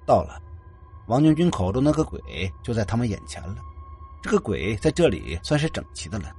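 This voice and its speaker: A man narrating a story in an expressive, animated reading style. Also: medium pitch, brisk, husky, faint music behind. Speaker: audiobook narrator.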